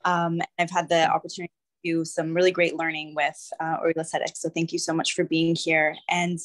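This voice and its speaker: Lower-voiced woman asking a friendly question. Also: level tone, fairly quick. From California. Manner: friendly, hesitant, many fillers. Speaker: audience member asking a question. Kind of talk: question at a talk.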